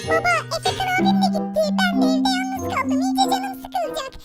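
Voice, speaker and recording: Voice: very high-pitched, a little fast. A performer voicing a cheeky, scheming little girl who plays pranks in a game role-play skit. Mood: whiny. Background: children's music.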